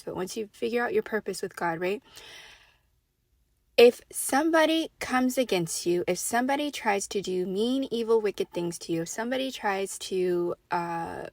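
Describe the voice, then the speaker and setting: A woman's voice: medium pitch, vocal fry, no echo, studio quality. A woman giving a casual faith talk to her audience, emphatic and conversational, often checking in with "right?" and "okay?". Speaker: faith speaker. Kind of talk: casual preaching monologue.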